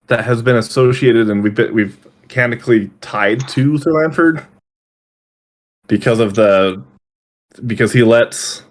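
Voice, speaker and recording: A man narrating as game master of a tabletop game, halting and often correcting himself. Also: medium pitch.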